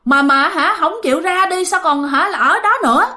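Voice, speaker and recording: Commanding middle-aged landlady, bright, a woman voicing her. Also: very high-pitched, moderate pace, pitched above the performer's own voice. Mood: scolding. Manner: scolding, commanding.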